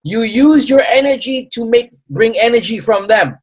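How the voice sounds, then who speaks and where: A man's voice: very high-pitched, animated, moderate pace, pitched above the performer's own voice. A man imitating a curt Chinese acupuncturist. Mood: mocking. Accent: imitated Chinese accent. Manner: curt, scolding, broken English. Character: blunt middle-aged male Chinese acupuncturist.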